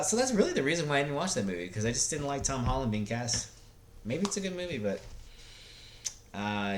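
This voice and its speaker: A man with a medium-pitched voice shares casual, unscripted opinions in a video-blogger style, over slight background noise. He's blunt and rambling, often hesitating while he hunts for words.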